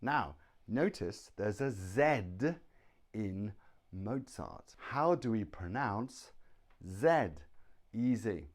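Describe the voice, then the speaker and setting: Slow, lively British English teacher man. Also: lowish voice. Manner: slow, deliberate, repeats words and sounds. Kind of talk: slow pronunciation lesson.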